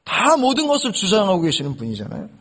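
A man's voice: high-pitched, wildly swooping pitch, fast, fairly bright tone. A male pastor preaching an impassioned sermon and addressing the congregation directly.

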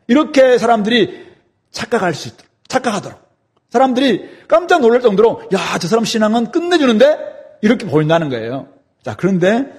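A man's voice: high voice, a little mellow, breathy edge. A man preaching an expository sermon, emphatic and dramatic, asking rhetorical questions. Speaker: pastor.

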